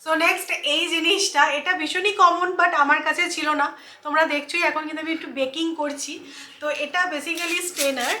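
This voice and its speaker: A woman's voice: sits high, steady tone, a little fast, sharp tone. A woman vlogger in her thirties chatting casually to viewers about the kitchen items she bought. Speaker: lifestyle vlogger. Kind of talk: casual shopping haul chat. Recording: echoey room, faint noise.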